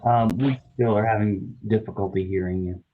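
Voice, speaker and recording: A man from IT support, heard over a web conference call, calmly giving helpful instructions to meeting participants. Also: lowish voice, normal speed, a little hiss or hum. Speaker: IT support staff. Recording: dull lo-fi conference call audio.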